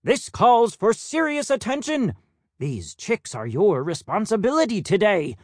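A man's voice: high voice, big pitch swings, unhurried, darkish tone, no echo, voice pushed up, heavily acted. Hampstead, a fussy head peacock, lectures in clipped, insistent tones, as a man puts him on. His voice sits raised and a touch distant, with wide swings for emphasis, in a dry, close storybook reading. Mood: stern. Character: stern head peacock, fussy, strict and rule-bound.

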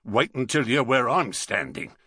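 A man's voice: mid-range voice, very animated, moderate pace, bright, forceful tone, slightly rough, no echo, clean studio sound, pitched above the performer's own voice, full character voice. A man voicing a blunt, grumbling middle-aged policeman in an audiobook. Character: gruff middle-aged male London policeman.

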